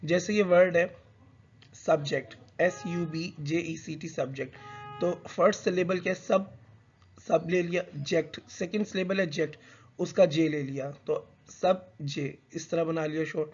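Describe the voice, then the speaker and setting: Man, lecture-style teacher, pitch a touch high, dull lo-fi recording, stops to correct himself. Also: fairly even intonation, darkish tone, husky, faint music behind. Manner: reads English slowly, then explains in conversational Hindi mixed with English; hesitant, with fillers and self-corrections. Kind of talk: explanatory lecture.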